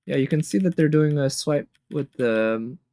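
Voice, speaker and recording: A man with a voice on the high side and a dark tone muses casually while reacting live to game trailers as a streamer, speaking at a moderate pace. He sometimes hums tunes, and trailer music with guitar plays underneath.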